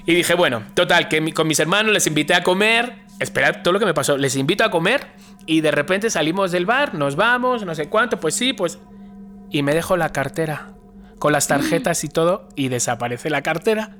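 A man's voice: on the high side, a little fast. A man telling a story in a casual chat, acting out the voices in what he quotes. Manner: animated, acts out quoted dialogue.

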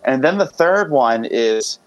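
A man in his twenties from Greater Boston, a singer-songwriter guest talking casually in an unhurried, easygoing way. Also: medium pitch, faint music behind. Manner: relaxed, unhurried, drawn-out explanations with fillers. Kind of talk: casual interview chat.

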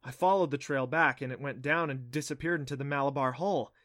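A man's voice: medium pitch, a little fast, a bit bright, dry recording, studio quality, natural voice. A man reading a story, voicing a smug, teasing teenage girl with a self-assured, taunting manner. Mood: excited.

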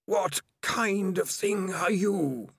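A man voicing a malevolent, hissing creature that speaks into the mind, slow and drawn out. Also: high-pitched, creaky, a bit bright, breathy edge, dry recording, clean studio sound, pitched above the performer's own voice, exaggerated voice. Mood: menacing. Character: hissing malevolent many-minded rat creature voice.

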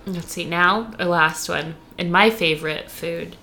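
Young woman co-host, bright clear tone, chatty animated storyteller, faint noise behind. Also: lowish voice, a little slow, roomy sound. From Texas. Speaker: podcast co-host. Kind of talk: casual chat.

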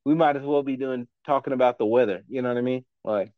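A man's voice: mid-range voice, quick pace, no echo, muffled recording. A man as a podcast guest in casual chat, giving blunt, profane, rambling opinions.

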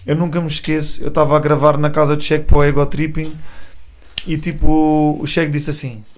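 A young man with a Portuguese accent chats as a podcast guest. His voice sits a little high, and his talk is loose and rambling, full of slang fillers. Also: flat delivery, fairly quick. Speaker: guest rapper. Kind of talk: casual podcast chat.

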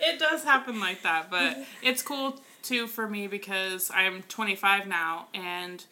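A woman in her twenties, co-hosting a podcast and telling a family story in casual, animated chat. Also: mid-range voice, a little slow. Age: 20s. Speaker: podcast co-host.

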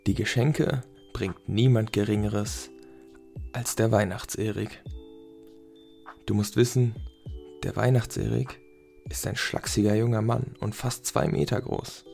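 A friendly, proud young man who likes knowing secrets, voiced by a man reading a story. His speech stays gravelly and low, with a confiding tone. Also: steady tone, a little slow, long pauses, a little mellow, faint music behind.

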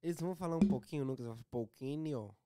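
Um homem brasileiro explicando suas ideias com seriedade numa conversa descontraída. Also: male voice, medium pitch, animated, very fast, mellow, dry recording, clean studio sound. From Brazil. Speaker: band member guest. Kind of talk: casual podcast chat.

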